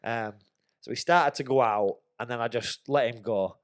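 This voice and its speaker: With a medium pitch and moderate pace, this male podcast host swears freely while animatedly telling a story in a casual chat. The sound is clean studio audio with no room noise.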